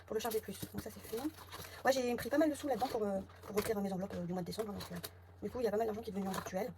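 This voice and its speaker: Speaking very fast in a mid-range voice, a southern French budget vlogger from the south of France thinks aloud at home, counting envelopes and whispering figures to herself. Clicks and clear background noise are present in the recording.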